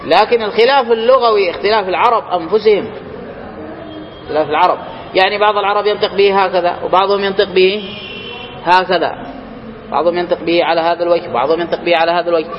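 A man with a high voice teaches a grammar class, stretching out his readings of the text before explaining it and quizzing the room. The sound is dull and lo-fi, with a long hall reverb and faint hiss behind him. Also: fairly even intonation. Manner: reads quoted lines slowly and higher, then explains and quizzes students.

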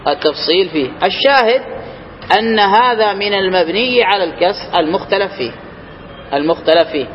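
High-voiced man teaching grammar in a hall. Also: lo-fi sound, slight background noise. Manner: reads quoted lines slowly and higher, then explains and quizzes students. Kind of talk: classroom lesson reading and explaining a text.

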